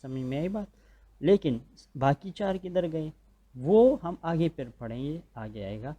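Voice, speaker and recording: A man's voice: on the high side, lively intonation, dark tone, muffled recording. A man with a Pakistani accent giving a recorded school lecture, patiently repeating points and checking that students follow. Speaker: school teacher.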